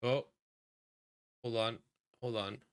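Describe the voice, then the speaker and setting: Smooth-voiced man chatting on a podcast. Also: mid-range voice, fairly even intonation, slow pace, dry recording, clean studio sound. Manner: rambling, filler-heavy talk. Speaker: podcast host. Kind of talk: casual podcast chat. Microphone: computer mic on a voice call.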